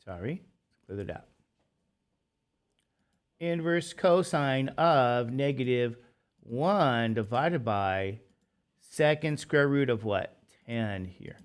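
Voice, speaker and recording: A man teaching a math class, lecturing with quick questions to the students that he answers himself. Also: mid-range voice, lively intonation, clean tone.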